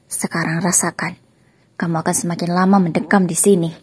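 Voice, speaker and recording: A woman's voice: lowish voice, level tone, brisk, a little mellow, breathy edge. A woman voicing a betrayed husband who speaks in a stern, threatening way. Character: betrayed husband, cold and angry.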